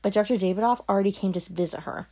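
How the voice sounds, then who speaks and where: A woman's voice: medium pitch, quick pace, warm tone, natural voice. A woman voicing a sulky, resentful teenage girl in an audiobook, her voice thick and whiny as if she had been crying. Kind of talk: audiobook character voice.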